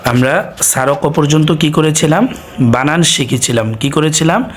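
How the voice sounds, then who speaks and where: A man teaching Quran reading, spelling words out letter by letter in a slow, repetitive drill and frequently saying "ah" between phrases. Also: on the high side. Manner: frequent filler "ah". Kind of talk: spelling lesson, recited letter by letter.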